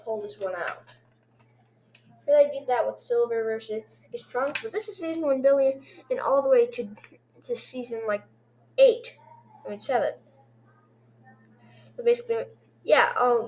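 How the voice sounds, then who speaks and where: In a recording with slight hiss or hum, a woman offers a relaxed, episode-by-episode review. Her excited rambling is peppered with sound effects such as "boom."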